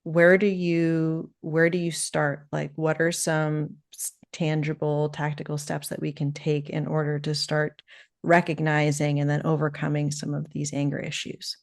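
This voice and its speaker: A woman's voice: sits low, completely flat delivery, a little slow, no room sound, clean studio sound. A woman podcast host asking earnest interview questions and restarting them as she goes.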